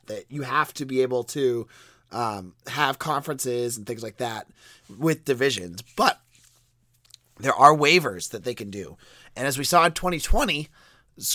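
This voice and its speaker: A man with a stuffy, cold-congested voice that squeaks a little, hosting a solo sports podcast in a conversational, opinionated way. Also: a bit bright, no room sound, studio quality.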